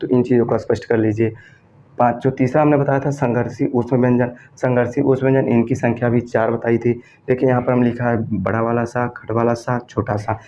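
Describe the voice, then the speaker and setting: A man from northern India with a Hindi accent teaches an exam-prep grammar lesson, posing questions, answering them himself and repeating key terms. His medium-pitched voice is dark and level, fairly quick, on a dull lo-fi recording with faint background noise.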